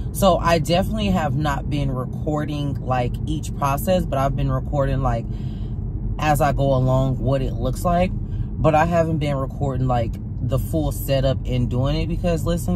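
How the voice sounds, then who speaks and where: A woman in her thirties chatting straight to her viewers in a casual car-talk vlog, recorded on a phone propped near the dashboard of a parked car at night. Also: sits low. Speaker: vlogger. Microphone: phone propped on a stand near the dashboard. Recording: loud car and street noise. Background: car air conditioning hum.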